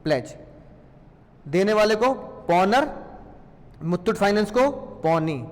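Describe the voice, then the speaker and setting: A man teaching a lively class in a playful way, often asking questions and answering them himself. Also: high voice, takes it slowly, big-room sound. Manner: playful, asks and answers his own questions.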